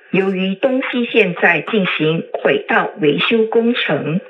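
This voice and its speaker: A woman making polite, formal announcements to commuters over a public address loudspeaker. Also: mid-range voice. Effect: played over a station loudspeaker. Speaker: station announcer. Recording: muffled loudspeaker sound.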